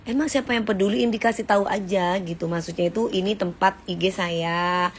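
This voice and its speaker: A woman's voice: mid-range voice, fairly even intonation, brisk, a little hiss or hum. A woman hosting a casual live stream, chatty and teasing, scolding viewers and singing short snippets. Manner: sings short snippets mid-talk. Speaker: livestream host.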